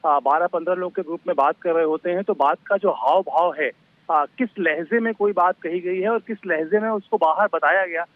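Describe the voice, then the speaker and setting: A man's voice: high-pitched, no room sound. Hesitant male correspondent on a dull line. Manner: hesitant, many drawn-out fillers. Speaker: news correspondent. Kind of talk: live news analysis.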